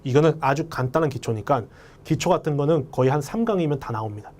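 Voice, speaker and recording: A man's voice: fairly high pitch, lively intonation, fast talker, darkish tone. A man teaching an English lesson, emphatic and often speaking straight to his viewers. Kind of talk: lecture.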